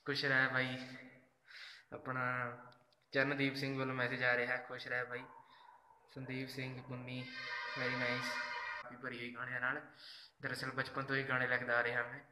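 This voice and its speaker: A man's voice: mid-range voice, completely flat delivery, moderate pace, pauses often, bright, forceful tone, echoey room, soft background music, rough recording. A man, chatting casually on a live stream, reading out fan messages and thanking his fans by name. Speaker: social media singer doing a live fan chat.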